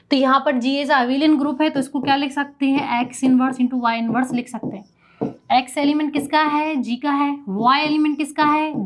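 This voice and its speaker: A young woman teaching a math lecture, asking questions and answering them herself. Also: sits high.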